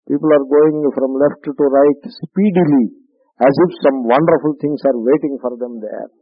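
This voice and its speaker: A man's voice: medium pitch, husky, no echo. South Indian-accented man teaching, thin phone-like sound. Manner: repeats phrases for emphasis, halting explanatory delivery. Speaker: spiritual teacher. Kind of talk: spiritual discourse to a class.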